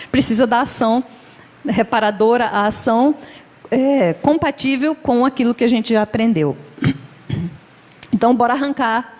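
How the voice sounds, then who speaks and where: A woman's voice: fairly high pitch, darkish tone. A middle-aged woman with a Brazilian Portuguese accent gives an informal religious lecture, chatty and conversational, laughing often and acting out little everyday dialogues. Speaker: guest speaker at a Spiritist center. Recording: lecture hall with long reverb.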